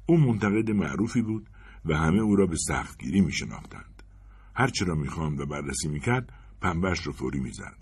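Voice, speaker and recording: A man narrating a short story as an audiobook, with expressive storytelling. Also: rumbling low, breathy edge.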